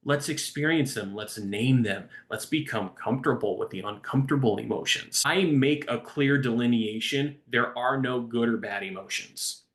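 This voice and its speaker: With medium pitch, moderate pace and hardly any pauses, a man tells a story as a recovery-coach guest in a conversational interview. He is earnest and gets increasingly animated.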